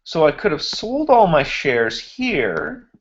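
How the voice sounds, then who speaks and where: A finance instructor's fairly high voice swoops wildly as he slowly walks through a spreadsheet on screen share in an online hangout, thinking aloud while formatting cells. His voice is fading and he keeps clearing his throat. Captured by a computer mic on the video call, the audio is dull with a little hiss or hum.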